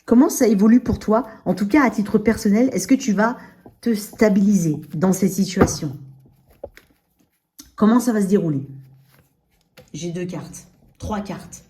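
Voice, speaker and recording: A tarot reader gives a casual reading straight to the listener, often checking in with short tags. Her medium-pitched, dark voice is unhurried with frequent pauses, and her dental braces make her words slur slightly.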